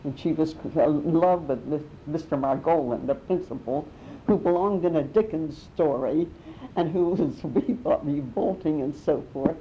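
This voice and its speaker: Older lady telling old family stories, low dark voice, muffled recording w/ faint rumble. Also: moderate pace. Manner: rambling, warm storytelling with restarts and small laughs. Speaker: interviewee. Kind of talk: oral history reminiscing.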